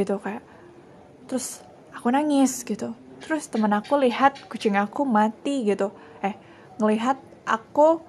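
A young woman hosting a casual solo podcast, talking in a gentle, reassuring way and slipping English phrases into her speech. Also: a little high, slight background noise. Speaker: podcast host.

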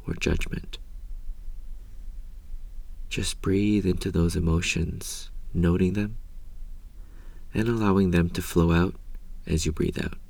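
A man guides a meditation in a very low, soft voice. His delivery is calm and unhurried, with long pauses and a gravelly creak as phrases trail off gently. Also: dry recording. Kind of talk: slow guided meditation narration.

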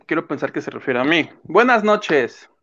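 A man's voice: fairly high pitch, big pitch swings, normal speed, bright, forceful tone. A man co-hosting a live show, asking questions and reading viewer messages aloud with dry, self-mocking asides. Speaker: co-host. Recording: muffled lo-fi sound.

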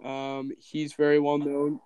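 A man's voice: on the high side, completely flat delivery, a little slow, warm tone, clean tone, no room sound. A man chatting easygoingly on a podcast, explaining his picks. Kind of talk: casual chat.

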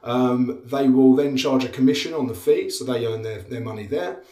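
A man's voice: medium pitch, normal speed, mellow. A man with an Essex accent co-hosting a podcast in casual, dryly bantering chat. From Essex, England. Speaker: podcast co-host. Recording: roomy, echoey sound.

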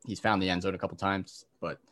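A young man hosting a casual fantasy football podcast, briskly rattling off lists of players and giving his takes. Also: low-pitched, little pitch movement, fairly bright tone.

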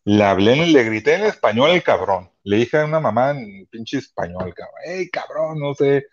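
A man, telling concert stories as a podcast guest in a casual, profane, animated way. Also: mid-range voice, moderate pace, husky, highs cut off. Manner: profane, animated, many restarts. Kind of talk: casual storytelling chat. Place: Chula Vista hospital.

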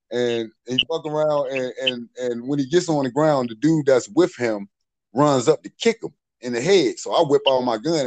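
A man's voice: medium pitch, a little mellow, no echo, low-quality recording. A middle-aged man telling street stories in a casual, profane way, full of "you know what I'm saying.". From Maryland, USA. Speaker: podcast storyteller.

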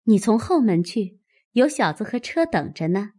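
A woman voicing a steady, motherly senior maid who gives calm instructions. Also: medium pitch, moderate pace. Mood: composed.

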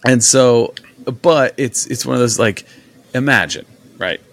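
A man's voice: mid-range voice, measured pace, fairly bright tone. A young man hosting a podcast, telling a rambling, chatty story in a casual way with lots of fillers. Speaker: podcast host. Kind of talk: casual chat.

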